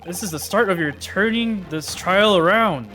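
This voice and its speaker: A woman lowering her voice to play a confident young male lawyer who coaches his partner with calm assurance. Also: normal speed, soft background music, lightly acted. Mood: assured. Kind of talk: amateur game voice-over.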